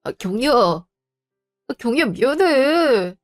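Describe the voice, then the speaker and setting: A woman's voice: sits high, very animated, takes it slowly, soft background music, full character voice. A woman voicing a cheating husband and father who pleads and makes excuses in a defensive, wheedling way. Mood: pleading. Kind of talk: storybook voice acting.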